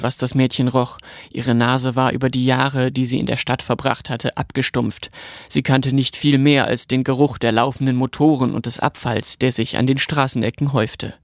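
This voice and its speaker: Narrator reading a storybook, calm and even, gravelly, dry close sound. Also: male voice, mid-range voice, no echo.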